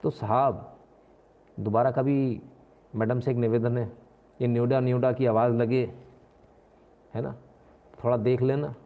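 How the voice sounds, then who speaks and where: A man's voice: medium pitch, level tone, unhurried, pauses often. A man hosting a live stream, giving combative, mocking political commentary. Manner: combative and mocking, slips into acted voices. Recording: tinny phone-like sound.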